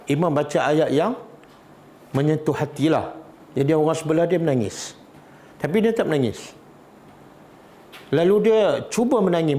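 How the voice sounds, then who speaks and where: A man's voice: on the high side, dark tone. Malaysian man giving a Quran lesson. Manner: asks the audience questions often, repeats key words. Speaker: religious teacher. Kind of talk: Quran study lecture.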